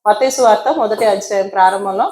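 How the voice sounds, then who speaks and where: A woman's voice: medium pitch, fast talker, crowd noise. A woman evangelist preaching a sermon, asking her listeners many rhetorical questions and acting out the voices in her story. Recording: roomy echo.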